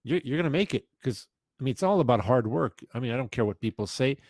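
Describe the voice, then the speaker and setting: A man's voice: medium pitch, lively intonation, fast, darkish tone, no room sound. A man in his fifties hosting a casual chat, talking emphatically and rambling with restarts. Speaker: podcast host.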